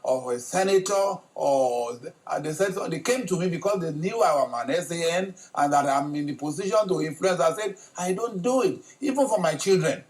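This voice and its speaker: A man's voice: on the high side, lively intonation, moderate pace, few pauses, darkish tone. A man speaking as a senior lawyer on a studio talk show, earnest and often repeating words as he starts. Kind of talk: studio interview answers.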